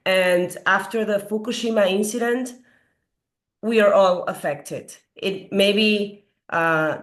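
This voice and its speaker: Giving an earnest explanatory talk on health, a middle-aged Peruvian woman who is a doctor speaks at a medium pitch, her voice a little hoarse after a recent cold. She often uses fillers and asks her listeners questions.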